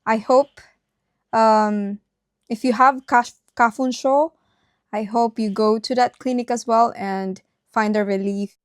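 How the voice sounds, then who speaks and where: A woman's voice: fairly high pitch, fairly even intonation, slow, no echo, studio quality. A woman vlogger narrating a personal story directly to her viewers.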